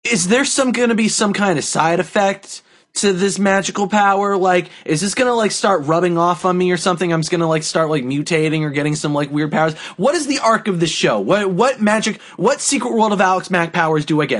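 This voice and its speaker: A man in his thirties on a comedy podcast, animated and sweary, picking apart the premise with questions. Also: high-pitched, brisk. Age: 30s. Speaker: podcast co-host. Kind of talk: casual comedy podcast chat.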